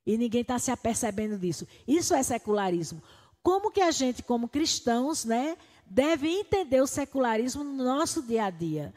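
A woman's voice: on the high side, expressive, moderate pace, a little mellow. A Brazilian-accented woman in her fifties, a congregant raising an earnest question in a Bible class, with many fillers. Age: 50s. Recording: echoey church hall.

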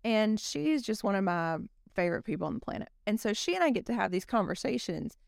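A woman in her forties talks as a podcast guest, chatty and animated, piling on fillers as she tells her stories. Her voice is smooth and clear at an average pitch. The sound is dry and close. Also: brisk, no room sound. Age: 40s. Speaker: podcast guest, company executive. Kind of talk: casual chat.

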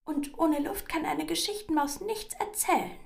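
A woman voicing a small, frightened but clever mouse in a storybook reading, squeaking and stammering. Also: normal speed, gravelly. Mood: gasping.

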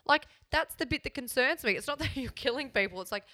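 A woman's voice: high voice, expressive, quick pace, sharp tone, no echo, clean studio sound. A woman co-hosting a podcast, talking bluntly and animatedly, swearing freely in casual chat. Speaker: podcast co-host.

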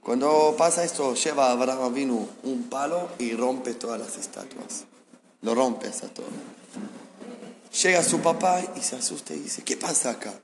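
A man with a Rioplatense Spanish accent, a rabbi giving a Torah lesson who tells the story with lively acted-out dialogue. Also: mid-range voice, moderate pace, roomy sound, long reverb tail, a little hiss or hum. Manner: animated storyteller acting out dialogue.

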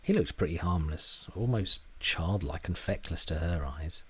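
A man's voice: low-pitched, moderate pace, slightly rough. A man narrating a story in a dry, wry manner.

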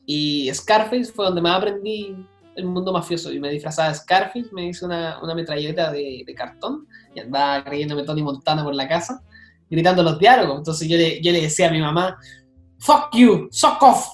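A young man with a Chilean accent, a guest telling stories in a casual interview, full of slang and quick asides. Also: on the high side, echoey room, faint music behind. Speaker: guest, content creator.

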